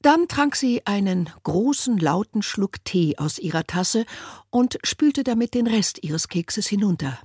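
A woman narrating an audiobook in a calm, measured storytelling manner. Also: medium pitch, breathy edge, no room sound, studio quality. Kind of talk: scripted narration.

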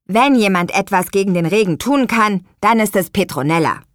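A woman's voice: mid-range voice, animated, moderate pace, no room sound, studio quality, lightly acted. A woman voicing an eager, impatient young boy in an audiobook, who exclaims a lot. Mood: excited. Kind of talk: audiobook character voice.

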